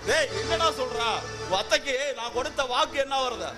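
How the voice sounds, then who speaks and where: A man's voice: very high-pitched, animated, fairly quick. A man acting a stern, domineering village father in a stage drama, scolding and commanding. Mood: angry. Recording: stage recording with loud music behind.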